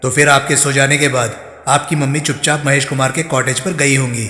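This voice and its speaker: A stern, persistent police inspector, read by a man, pressing each question firmly. The tone is bright and forceful, with a long reverberant tail around it. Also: medium pitch, steady tone, a little fast, close to an everyday voice. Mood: probing. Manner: firm, pointed questioning.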